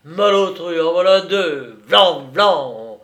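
A man voicing a flustered, jealous middle-aged husband who shouts and sputters with rage. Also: fairly high pitch, measured pace, natural voice. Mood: furious.

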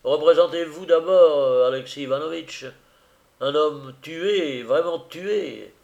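Guy reading as a sad widower who rambles on slowly, gloomy and pleading. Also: fairly high pitch, gravelly, a little mellow, lo-fi sound. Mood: wistful. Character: troubled widower, middle-aged man, rambling, mournful.

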